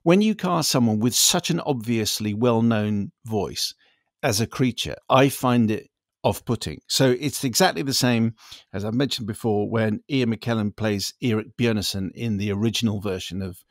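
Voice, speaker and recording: A man's voice: lowish voice, moderate pace, no echo, clean studio sound. A man co-hosting a conversational discussion about films. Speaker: radio show co-host.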